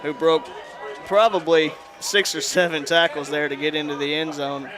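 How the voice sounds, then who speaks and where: With a fairly high pitch, a steady tone, and a moderate pace, a headset-wearing commentator calls an outdoor high school football game live. Music plays and the crowd can be heard behind him as his energy rises on big plays.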